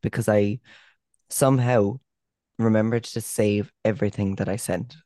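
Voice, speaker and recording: A man's voice: fairly low pitch, fairly even intonation, moderate pace, dark tone, no echo. A young man co-hosting a podcast, hungover and tired, chatting in dry, jokey banter. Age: young adult. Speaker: podcast co-host. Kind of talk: casual chat.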